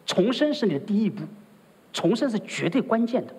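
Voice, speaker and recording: A man's voice: sits high, very animated, fairly quick, a little mellow, slightly rough, long reverb tail. A man preaching a sermon as pastor, who keeps asking his listeners rhetorical questions. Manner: rhetorical, often asks the listeners "right?".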